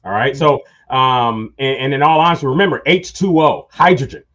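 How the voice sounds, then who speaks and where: In a medium-pitched, slightly bright voice at a normal speed, a talk show host chats casually and tells long, wandering stories. He addresses his listeners as y'all, and the audio is dull and lo-fi.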